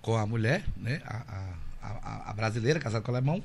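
A man's voice: lowish voice, fast talker, vocal fry, a little hiss or hum. A man, telling stories as a guest in a casual interview, flamboyant and full of acted-out dialogue. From Brazil. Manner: animated, flamboyant storyteller who acts out dialogue. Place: indoor room with cameras.

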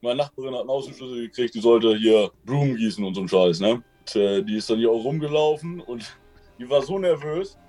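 A man in a casual interview, telling his own experiences in a rambling, colloquial way and often tagging sentences with a quick question. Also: mid-range voice, lively intonation, dark tone, soft background music. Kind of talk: casual storytelling.

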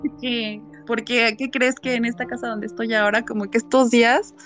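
A woman with a Mexican accent, telling a ghost story in a relaxed, chatty way, with many fillers, acting out what people said. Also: on the high side, moderate pace, faint music behind. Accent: Mexican Spanish. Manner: animated, many fillers, acts out quotes. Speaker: guest telling ghost stories. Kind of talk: casual storytelling chat.

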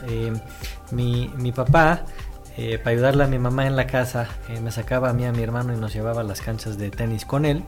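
A man's voice: mid-range voice, a little fast, soft background music. Man from Israel telling stories. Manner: animated storytelling with many fillers. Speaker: guest author. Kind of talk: casual interview talk.

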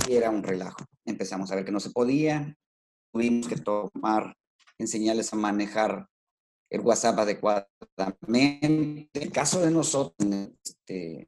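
Appearing as a guest in a relaxed interview, a man who teaches at a rural school describes his work in a Mexican Spanish accent, pausing with fillers and restarts. He has a medium-pitched, slightly mellow voice, with slight background noise.

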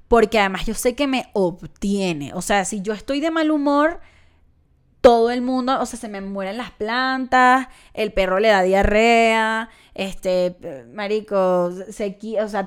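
Venezuelan woman podcaster, young, chatty and self-mocking, smooth clear voice, mid pitch. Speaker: podcast host and comedian. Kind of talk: casual solo podcast monologue.

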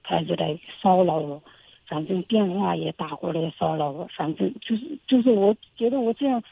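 Husky woman caller on a phone line. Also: lowish voice, normal speed, dry recording. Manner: hesitant, repeats herself. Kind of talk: call-in advice talk.

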